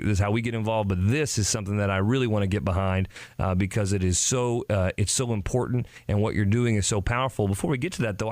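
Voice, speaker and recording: A man's voice: on the low side, no room sound. A man hosting a radio talk show, speaking in an enthusiastic, effusive manner.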